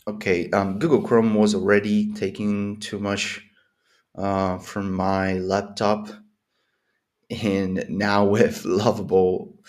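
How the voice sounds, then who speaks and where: A man with a fairly low voice talks slowly, thinking aloud as a coding vlogger at a desk in his home office. English isn't his first language; he speaks Portuguese or Spanish. His casual live screen-recorded coding commentary rambles, with plenty of fillers and restarts.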